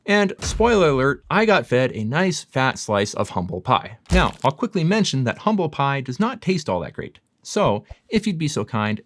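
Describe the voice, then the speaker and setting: A man with a mid-pitched voice talks as a fitness coach hosting an explainer video. His intonation is very lively, with emphatic, upbeat phrasing and a self-deprecating touch. The sound is dry, with very little room echo. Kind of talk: scripted explainer to camera.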